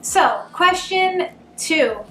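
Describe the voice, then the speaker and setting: A woman's voice: very high voice, animated, extremely slow, fairly bright tone, slight background noise. A woman with a Boston accent hosting a casual couple Q&A at home, chatty and rambling, laughing often. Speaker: channel host. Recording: roomy, distant camera sound.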